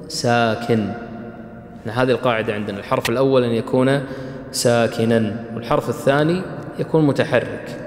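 A man teaching a class on Quran recitation rules, speaking slowly, repeating his points and asking his students questions. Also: mid-range voice, a little mellow. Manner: slow, repeats points, asks the class "what?" and "clear?". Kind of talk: classroom lesson explaining a tajweed poem. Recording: echoey hall.

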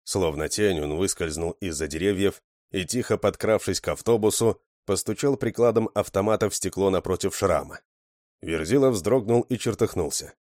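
A man with a very low voice narrates a story in steady, scripted style. His reading is even and measured. The sound is close and dry. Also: no room sound. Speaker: audiobook narrator.

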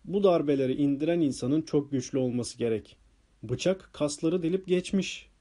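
A man voicing a small, excitable male doctor who earnestly explains what he has found, in an audiobook reading. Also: a little high, moderate pace, lightly acted. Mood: explaining.

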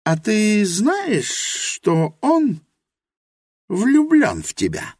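Guy doing a proud fiery young woman, way up high, slow earnest delivery, dry close sound. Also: huge pitch swings, a little mellow, dry recording, heavily acted. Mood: probing. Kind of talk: audiobook character reading.

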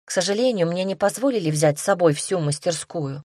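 A coy young woman pupil, playful and coaxing, fond of innocent-sounding pleas, as a woman narrator puts her on. Her voice lifts a little above the narrator's low tone. The recording is close and dry. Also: animated, brisk, dry recording. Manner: playful, coaxing, a bit brighter.

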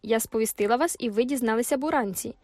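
A proud young mistress of a farm, played by a female narrator answers in cool, haughty retorts, her voice fairly high. It sits close and dry, with faint music in the background. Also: fast, darkish tone, dry recording, natural voice.

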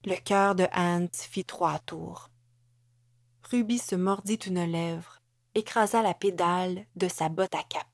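A woman with a Québécois accent reading scripted audiobook narration in a measured, dramatic way. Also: on the low side, fairly even intonation, no room sound, studio quality.

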